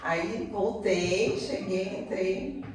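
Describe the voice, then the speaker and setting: A woman giving a personal testimony as a guest, telling her story in an animated way and acting out the conversations. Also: mid-range voice, extremely slow, background noise. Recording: echoey room, far from mic.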